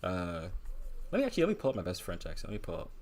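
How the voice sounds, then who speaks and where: A man's voice: sits low, huge pitch swings, rapid-fire, a little mellow. A man chatting casually on a live stream while he paints, rambling and musing aloud with a self-deprecating manner.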